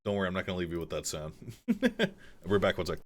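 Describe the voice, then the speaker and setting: A man's voice: sits low, wildly swooping pitch, a little fast, soft background music. A man streaming a video game, making crude, joking asides and rants to his chat. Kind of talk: casual game-stream commentary.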